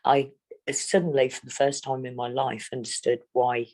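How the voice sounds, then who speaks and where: A woman's voice: extremely low pitch, flat delivery, moderate pace, darkish tone. Blunt, plain-spoken middle-aged woman. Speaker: interviewee. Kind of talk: candid interview.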